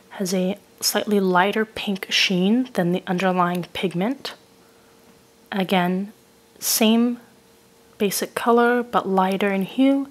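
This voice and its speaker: This beauty reviewer, at medium pitch, is getting over a cold as she talks through a makeup review. Her delivery is even and descriptive, moving methodically from one shade to the next.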